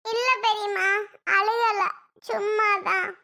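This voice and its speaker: A woman voicing a meek, gentle little girl who speaks softly and politely in a cartoon. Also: extremely high pitch, flat delivery, takes it slowly, gravelly, full character voice. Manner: soft, yielding, polite. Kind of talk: cartoon voice acting.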